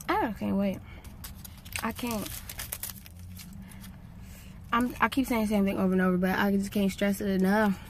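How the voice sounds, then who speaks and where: A woman's voice: mid-range voice, darkish tone. An American woman chats casually and slangily to viewers while eating, often with her mouth full. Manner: folksy, slangy, addressing viewers directly. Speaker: vlogger. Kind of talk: casual eating-show chat. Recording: clearly noisy ambient background.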